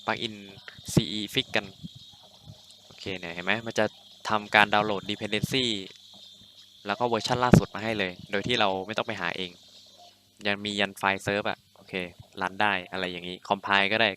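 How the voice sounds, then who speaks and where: A young man casually walking through a programming tutorial, talking loosely with lots of fillers and quick self-corrections. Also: lowish voice, fairly even intonation, background noise. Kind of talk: casual screen-recorded coding tutorial.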